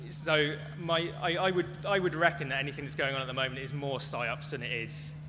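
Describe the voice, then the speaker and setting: In a big echoey venue, a man speaking at a conference takes audience questions informally, hedging as he explains. His medium-pitched voice keeps a steady tone at a fairly quick pace, over clear background noise and a hum.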